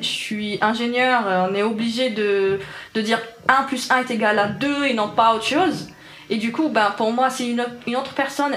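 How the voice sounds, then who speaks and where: An Algerian engineer in her twenties, whose first language is Arabic, earnestly reflects on her experience in French with an Algerian accent during an interview. Her voice is on the high side with a fairly bright tone, and the sound is roomy.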